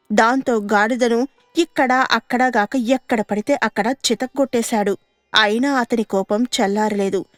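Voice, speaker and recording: A woman telling a children's story on radio, narrating gently and unhurriedly as a mother to her child. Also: on the high side, no room sound. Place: radio studio. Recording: dry studio radio recording with faint music.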